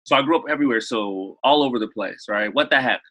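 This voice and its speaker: Thirtysomething guy from LA rambling thru stories, lots of likes and restarts, husky voice. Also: mid-range voice, quick pace, fairly bright tone, rough recording. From Los Angeles. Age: 30s. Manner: rambling, filler-heavy, frequent restarts. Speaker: guest. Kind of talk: casual interview storytelling.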